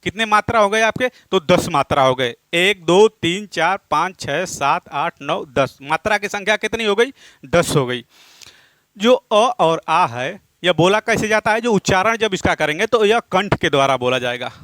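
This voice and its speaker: A man teaches a classroom grammar lesson in a high, clear voice with a dry close sound. He keeps asking the class a question and answering it himself. On each answer he drops lower and slows down, and he counts items aloud one by one. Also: animated, a bit bright, no echo. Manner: asks questions and answers them himself, repeating key points.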